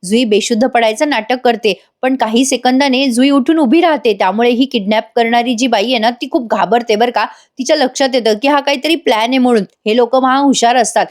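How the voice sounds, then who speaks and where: A woman's voice: fairly high pitch, a little fast, few pauses. A woman narrating a voice-over recap of a TV serial episode, chatting directly to her viewers. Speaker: TV serial reviewer.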